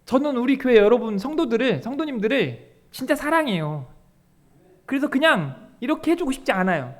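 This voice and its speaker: A man's voice: extremely high pitch, fairly quick. A male pastor delivering a Sunday sermon, speaking directly to his congregation and acting out the voices of the people in his stories. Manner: lively preaching that acts out quoted voices of congregants and the Lord.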